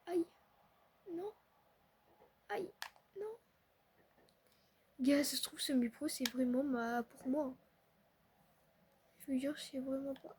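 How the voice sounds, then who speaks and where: A young woman chatting excitably to her viewers while playing a football video game. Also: high-pitched, slow pace, pauses often, a little hiss or hum. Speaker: gaming streamer. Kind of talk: casual live commentary on a football video game.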